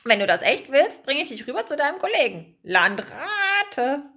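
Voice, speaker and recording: A woman voicing two mocking female seagulls that talk fast and keep giggling. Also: sing-song, bright, forceful tone, full character voice. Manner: shrill, giggling, fast teasing.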